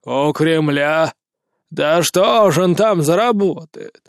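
A man voicing a slow, gruff male president who gives orders in a low, deliberate drawl. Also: no echo, studio quality. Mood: commanding.

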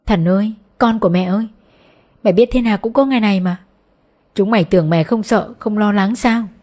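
A woman's voice: fairly quick, mellow, close to an everyday voice. A woman reading an audiobook, voicing a distraught middle-aged mother who pleads for her son through tears. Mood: desperate. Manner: sobbing, pleading, raised pitch. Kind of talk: audiobook character voice.

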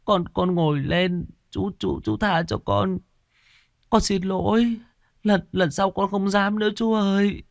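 A man's voice: sits high, unhurried, gravelly, dry recording, studio quality, voice pushed up. A man voicing a frightened little child who stammers and pleads with a ghost in a horror story. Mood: pleading, scared.

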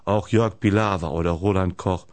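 A man's voice: low-pitched, steady tone, moderate pace, darkish tone, dry recording, close to an everyday voice. Man reading as a hapless naive patient. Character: hapless, easily amazed young man patient.

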